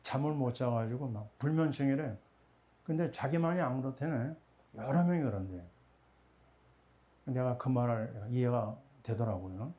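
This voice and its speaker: A middle-aged man delivers a Sunday sermon in a warm, mellow voice at an ordinary pitch. He keeps posing questions to the congregation and answering them himself. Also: normal speed. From Korea. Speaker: pastor.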